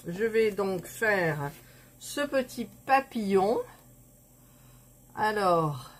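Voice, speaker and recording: A woman chatting casually to viewers while doing a craft, thinking aloud with many hesitations and counting items out loud. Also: mid-range voice, breathy edge. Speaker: crafting video host.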